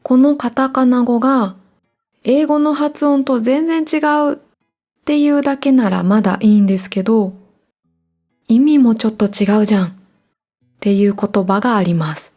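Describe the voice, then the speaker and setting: A woman hosting a learning podcast speaks in a mellow, warm voice that is a little high, at a moderate pace. Her calm, scripted delivery explains things clearly and gently, with faint guitar music playing beneath her.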